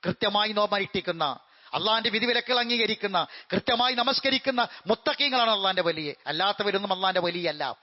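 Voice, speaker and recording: A man with a high, ringing voice delivers a fervent Friday sermon in a mosque. He repeats key phrases for emphasis and slips into chanted Arabic verses. The recording sounds dull and lo-fi. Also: brisk. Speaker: Friday preacher.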